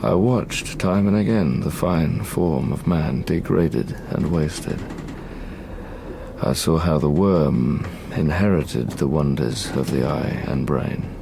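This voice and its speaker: An actor playing Victor Frankenstein, an obsessed, haunted young scientist, speaking with formal, literary intensity in an audio drama. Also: male voice, very deep voice, slow, creaky, noisy background, heavily acted. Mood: grave, intense. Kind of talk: audio drama acting, first-person narration and dialogue.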